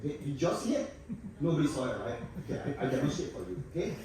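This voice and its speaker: A Singaporean man in his sixties jokes and banters with a theatre audience in a high, very animated voice. His voice bounces around a big echoey hall. The mic catches him from a distance, with faint room ambience behind. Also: fast talker, slight background noise. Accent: Singaporean English. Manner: playful, teasing banter with the audience, bursts of laughter. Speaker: stand-up comedian. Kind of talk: live stand-up comedy. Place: theatre stage before a live audience.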